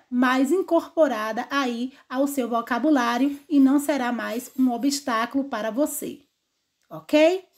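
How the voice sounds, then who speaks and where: A woman's voice: high-pitched, a little mellow. A woman teacher with a Brazilian accent giving an online class, explaining step by step and often checking in with tag questions. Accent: Brazilian Portuguese. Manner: didactic, frequent tag questions.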